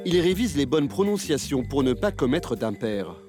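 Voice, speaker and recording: Man, documentary voice-over, measured and wry, loud music under the voice. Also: medium pitch, very animated. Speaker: documentary narrator. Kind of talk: scripted voice-over narration.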